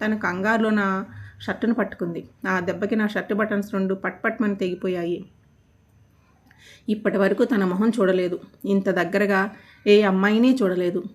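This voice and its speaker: Woman reading a story aloud. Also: medium pitch. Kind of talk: storybook narration in first person.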